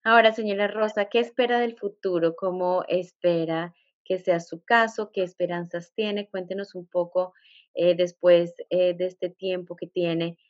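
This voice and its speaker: A woman's voice: fairly low pitch, steady tone, measured pace. A woman interviewer asking formal, polite questions and addressing her guest respectfully. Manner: polite, formal, uses usted. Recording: dull lo-fi sound.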